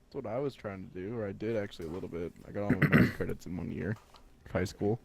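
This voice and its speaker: A man's voice: sits low, fast, creaky, darkish tone. A young man co-hosting a casual podcast chat, dropping dry teasing quips. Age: young adult. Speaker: podcast co-host.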